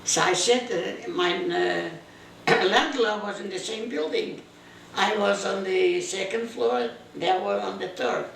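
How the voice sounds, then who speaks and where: A woman, reminiscing in halting, broken English in an interview at home. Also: mid-range voice, lively intonation, creaky. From Eastern Europe (now Belarus). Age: 90s. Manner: halting, repetitive, broken English, quotes her husband's words. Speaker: interviewee, grandmother recalling her life. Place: home room in Montreal. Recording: roomy, distant camera mic, faint noise.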